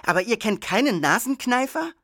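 Reader doing a gruff bossy schoolgirl, growling, impatient, audiobook character voice, dry close sound. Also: mid-range voice, big pitch swings, brisk, fairly bright tone, dry recording, pitched above the performer's own voice.

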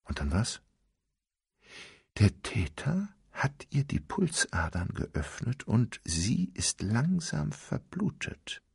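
A man reading an audiobook, playing a weary male detective who reports grimly and haltingly. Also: mid-range voice, huge pitch swings, vocal fry, a little mellow, husky, no echo, clean studio sound, voice pushed up, full character voice. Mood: grave. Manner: halting, somber.

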